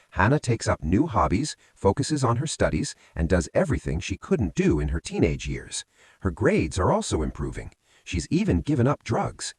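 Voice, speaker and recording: A man's voice: lowish voice, husky, no room sound. A man narrating a movie recap as a story, often calling his listeners friends. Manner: addresses listeners as friends, lively rising and falling delivery.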